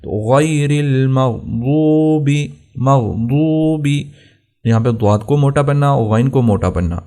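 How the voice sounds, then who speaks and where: A man teaching tajweed, explaining plainly and then chanting verses slowly and drawn out. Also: medium pitch, mellow. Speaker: Quran recitation teacher. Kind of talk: tajweed lesson with slow chanted recitation.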